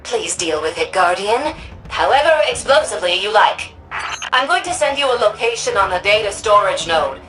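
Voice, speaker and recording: An actress playing an authoritative, wry older female city administrator in a sci-fi game, delivering scripted mission dialogue in a crisp, commanding manner. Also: medium pitch, very animated, normal speed, a bit bright, rough recording. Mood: urgent, businesslike.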